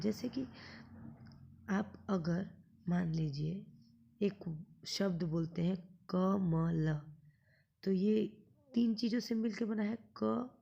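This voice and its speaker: Woman teaching a lesson, dark husky voice with some fry, slows right down to sound things out. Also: medium pitch, lo-fi sound. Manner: patient, asks questions then answers them; draws out sounds slowly when demonstrating. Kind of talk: classroom lesson explaining grammar.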